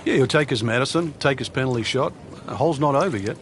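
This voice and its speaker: A man giving golf commentary as an analyst, explaining play in a measured way. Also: mid-range voice, a bit bright. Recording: faint background noise.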